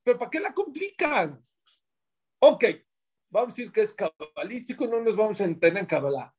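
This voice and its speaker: A man leads a religious class in a notably high voice for a man. He explains each point patiently and keeps putting questions to his listeners before he answers them himself. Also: very animated, fairly quick, a little mellow, breathy edge. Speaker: rabbi teaching a Torah class. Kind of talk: religious class talk to a small group.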